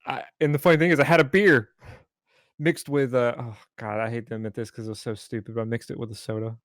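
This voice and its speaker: Guy in his 20s on a podcast, rambling story, swears a lot, mid pitch, dry close sound. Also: steady tone, fast, fairly bright tone, no room sound. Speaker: podcast co-host. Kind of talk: casual chat.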